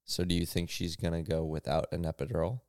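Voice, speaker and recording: A man in his thirties on a casual podcast chat, joking and firing off quick questions. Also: deep voice, flat delivery, a little mellow, no echo. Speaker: podcast guest.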